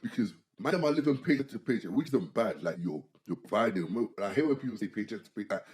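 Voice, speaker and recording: A podcast co-host in his 20s chats casually, talking fast and animatedly in a low, dark, mellow voice. He repeats "bro" and "like" constantly and restarts his sentences a lot.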